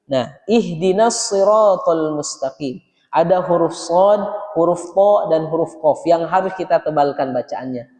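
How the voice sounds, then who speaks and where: A man teaching Quran recitation in a mosque, chanting verses slowly and explaining pronunciation. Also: fairly high pitch, darkish tone, reverberant, in a large hall.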